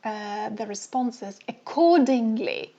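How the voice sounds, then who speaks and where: Higher-voiced woman coaching in questions. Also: animated, takes it slowly, dark tone, lo-fi sound. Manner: asks many rhetorical questions and repeats phrases. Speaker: dating coach. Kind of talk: live online coaching session.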